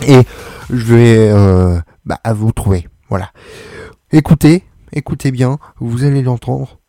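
A man hosting a radio show in a casual, joking way, stumbling over his words and filling pauses as he goes. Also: mid-range voice, steady tone, mellow, no room sound, studio quality, soft background music. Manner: halting, full of fillers and restarts; joking, self-mocking. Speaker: radio host.

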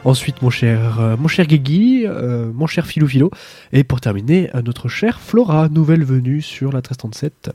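A man's voice: medium pitch, expressive, normal speed, dark tone, soft background music. A man hosting a casual radio show, joking with co-hosts and reading out notes. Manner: jokey, leads the order of speakers.

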